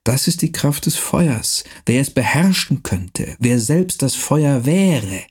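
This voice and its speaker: A man voicing a frail, haughty old nobleman who speaks slowly in a thin, wheezing voice, with long pauses. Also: medium pitch, sing-song, a little mellow, husky, heavily acted. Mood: solemn. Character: frail old male nobleman, pipe-smoking, mystical, haughty.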